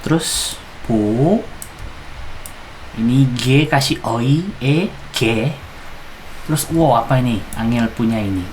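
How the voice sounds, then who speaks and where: A teacher walks through Korean syllables one by one at a very unhurried pace. The delivery is casual and chatty, with careful spelled-out sounds. A faint background hiss sits under the voice. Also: mid-range voice, darkish tone, rough recording. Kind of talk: casual lesson explaining song lyrics.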